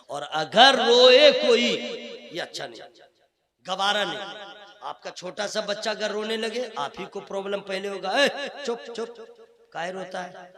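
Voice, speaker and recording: A man's voice: high voice, a bit bright. A man preaching at a religious conference, switching between impassioned rhythmic oratory and chatty, joking asides to his listeners. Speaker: Islamic preacher. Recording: live event with audible crowd. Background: audience murmur and laughter.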